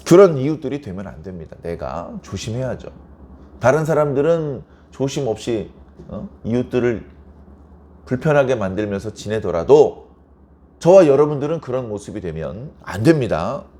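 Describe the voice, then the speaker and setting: A man's voice: mid-range voice, big pitch swings, moderate pace, warm tone. A male pastor preaching at an early-morning service. He talks conversationally, keeps asking the congregation rhetorical questions, and acts out little everyday quarrels as he goes.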